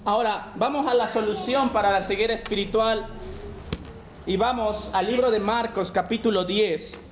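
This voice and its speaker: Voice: mid-range voice, moderate pace. A preacher delivering a sermon, often calling the listeners brothers and asking rhetorical questions. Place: church sanctuary. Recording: echoey hall, mic from far off, faint noise.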